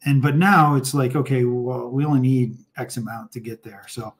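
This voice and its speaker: A man's voice: medium pitch, steady tone, normal speed. A man hosting an interview show, chatting enthusiastically and casually, with lots of fillers and restarts. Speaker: podcast host.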